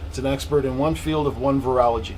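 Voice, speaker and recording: A man's voice: medium pitch, fast, a little mellow, a little hiss or hum, rough recording. A man with an American accent talking bluntly in a casual opinionated discussion, repeating phrases for emphasis. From USA: South Carolina, Texas and Michigan. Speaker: panelist on a discussion show.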